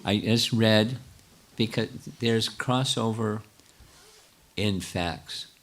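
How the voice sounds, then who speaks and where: Low-voiced older man teaching. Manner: halting, many restarts, thinks aloud. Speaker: spiritual teacher answering questions. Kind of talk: lecture Q&A.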